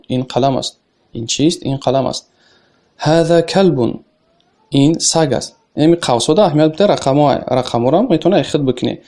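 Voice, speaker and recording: Male teacher with a Tajik accent and a dark, mellow tone, giving a casual, patient lesson. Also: mid-range voice. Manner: reads Arabic phrases slowly, then explains them in plain speech. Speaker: Arabic teacher.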